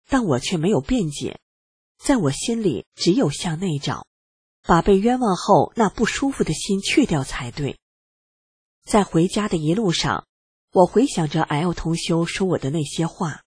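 An adult reading a personal testimony aloud in a steady first-person way, earnest and reflective. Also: mid-range voice, moderate pace, husky, dry recording.

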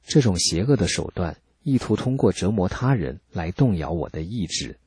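A man calmly reading a first-person account as scripted narration, measured and steady. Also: sits low, slightly rough, dry recording. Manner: calm, measured storytelling.

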